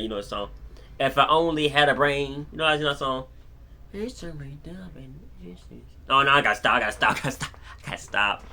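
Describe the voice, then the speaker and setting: With a mid-range voice, a man excitedly rambles through a casual, unscripted film review, frequently repeating words as he walks through scenes.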